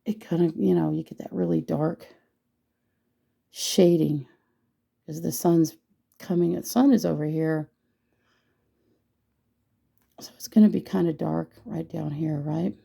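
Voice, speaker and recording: A hoarse woman with a gravelly voice, chatting casually and teasing herself while she teaches a painting tutorial. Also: sits low, steady tone, a little slow, warm tone. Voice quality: gravelly, husky voice. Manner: chatty, self-deprecating, thinks aloud while painting.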